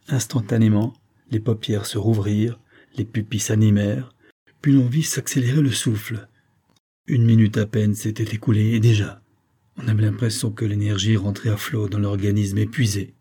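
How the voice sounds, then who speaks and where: A man reading a novel aloud as an audiobook narrator, steady and measured. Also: fairly low pitch, breathy edge. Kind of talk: scripted narration.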